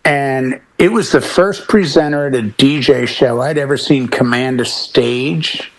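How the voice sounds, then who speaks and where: A middle-aged man, a professional DJ sitting on a talk show panel, chats casually in a mid-range voice at a slightly slow pace. He speaks emphatically, repeating words to drive his points home.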